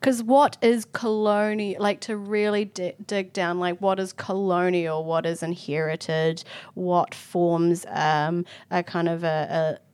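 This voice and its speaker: A woman's voice: lowish voice, flat delivery, takes it slowly, few pauses, a little mellow, clean tone. A woman, a theatre director in casual conversation, thinking aloud and searching for words with many fillers.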